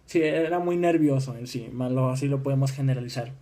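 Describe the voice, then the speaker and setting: A young man from Mexico giving an informal history talk, halting with many restarts and fillers. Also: mid-range voice, warm tone. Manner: acts out voices in dialogue.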